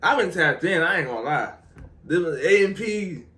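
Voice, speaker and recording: A young man reacting to a video in loose, slangy chatter, his voice bouncing up and down a lot. He trails off into low mumbles, and a steady hiss sits under the recording. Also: normal speed. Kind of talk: casual reaction commentary.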